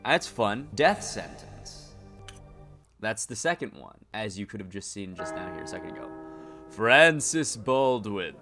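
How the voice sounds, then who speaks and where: A man doing reactive gameplay commentary as a streamer, wry and joking, quick to exclaim at the game. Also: on the low side, animated, creaky, sharp tone, soft background music.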